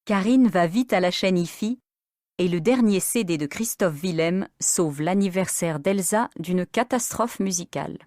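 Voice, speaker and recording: A woman narrating a story for beginner language learners in a clear, expressive manner. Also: lowish voice, unhurried, no room sound, studio quality.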